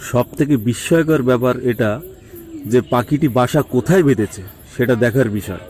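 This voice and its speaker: A man's voice: medium pitch, a little fast, darkish tone. A man giving explanatory nature commentary, directing viewers' attention to what he is watching. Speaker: amateur wildlife video narrator.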